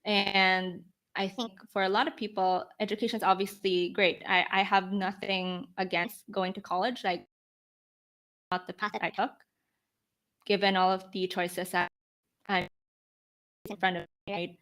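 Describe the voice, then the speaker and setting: A Filipino startup founder of about twenty, appearing as a podcast guest, speaks reflectively and informally, often slipping in "like" and "you know". Her mid-range voice has a fairly bright tone, and her delivery is flat and a little slow.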